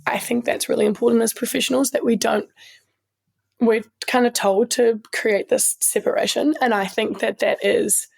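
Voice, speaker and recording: A woman's voice: a little high, little pitch movement, moderate pace, creaky, darkish tone. A woman with a New Zealand accent, telling stories as a guest in an easygoing interview, earnest and full of restarts. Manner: earnest, with frequent restarts and ums. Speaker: guest, strength coach and sports medic. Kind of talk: casual interview storytelling.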